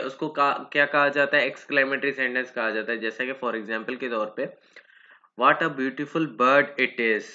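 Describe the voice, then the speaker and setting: Bright-voiced male teacher, lo-fi recording. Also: medium pitch. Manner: reads English definitions slowly, then explains them with rhetorical questions. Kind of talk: grammar lesson.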